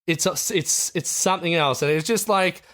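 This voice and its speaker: A man's voice: high voice, fairly quick, fairly bright tone. Blunt, swearing man on a podcast. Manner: blunt and opinionated, swears freely. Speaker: podcast co-host. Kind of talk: casual podcast discussion.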